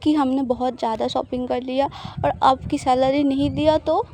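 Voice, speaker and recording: A fretful young woman who worries about money and pleads with her partner, as a female storyteller voices her. Her voice is high and soft-toned. It is read as an audio romance. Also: fairly even intonation, moderate pace. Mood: worried. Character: anxious, frugal young woman, easily teary.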